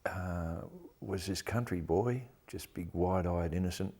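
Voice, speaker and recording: Being interviewed, an older Australian actor with a broad accent looks back on things in a plain-spoken, easygoing way, full of earthy slang. He talks unhurriedly in a low, warm voice.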